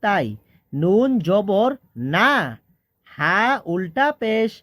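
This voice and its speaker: A Quran reading teacher who spells out each syllable slowly, then chants the whole word in a drawn-out tone. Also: medium pitch, lively intonation, a bit bright, no room sound, studio quality. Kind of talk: slow letter-by-letter spelling lesson with chanted recitation.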